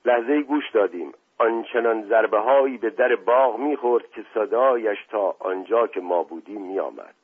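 A man's voice: lowish voice, hardly any pauses, husky. A man reading a novel aloud as a dramatic audiobook narrator. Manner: dramatic storytelling. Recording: tinny phone-like audio.

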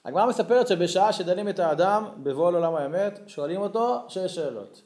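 A man's voice: high voice, expressive, a little mellow. Man teaching a Torah lesson, echoey. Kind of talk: religious lesson.

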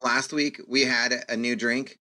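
A man co-hosting a casual comedy chat, agreeable and quick to chime in. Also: medium pitch, flat delivery, pushed and bright. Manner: agreeable, chiming in with quick affirmations. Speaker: co-host.

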